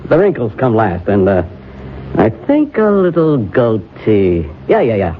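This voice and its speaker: A man's voice: lowish voice, wildly swooping pitch, measured pace, over music. An actor playing an easygoing male makeup artist in a 1970s radio drama, chatty and muttering to himself as he works. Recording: thin phone-like old radio with hiss.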